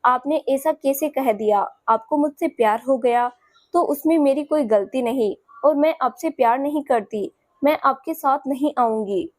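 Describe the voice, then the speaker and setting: A woman's voice: high voice, moderate pace, darkish tone, no room sound. A woman voicing a hurt, stubborn young woman who talks back sharply and defiantly in a storybook. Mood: tearful.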